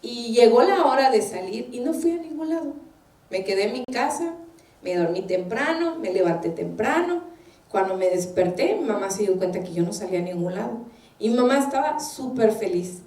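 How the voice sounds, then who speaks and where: A woman's voice: a little high, lively intonation, normal speed, darkish tone. Woman preaching in an echoey room. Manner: anecdotal, acts out quoted voices. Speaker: minister preaching. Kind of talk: sermon. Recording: echoey room, distant mic.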